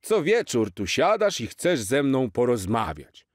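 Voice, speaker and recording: A man voicing a jolly, kind old Santa Claus in a children's storybook, slow, hearty and fatherly. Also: mid-range voice, very animated, no room sound, studio quality, voice pushed up. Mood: cheerful. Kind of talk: storybook character voice.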